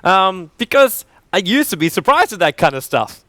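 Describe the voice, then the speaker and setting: Young male esports caster, jokey on-air banter, very lively swinging pitch, a bit high, dry close sound. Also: moderate pace, no room sound. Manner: animated, jokey, laughs often, self-deprecating. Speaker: esports commentator. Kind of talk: casual on-air banter between games.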